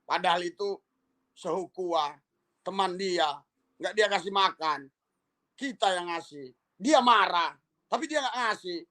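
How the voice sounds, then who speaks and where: A man speaking as an evangelist in a casual monologue. His tone is calm and persuasive, and he keeps checking in with the listener through tag questions. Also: high voice, a little slow, pauses often. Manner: conversational, full of tag questions and repeated "ya".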